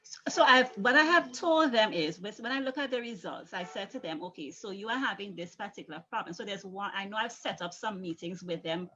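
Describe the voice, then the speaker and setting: A woman's voice: medium pitch, expressive, a little fast, sharp tone, lo-fi sound, a little hiss or hum. A woman, a schoolteacher explaining things conversationally in an interview, emphatic and often repeating phrases. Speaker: secondary school teacher being interviewed.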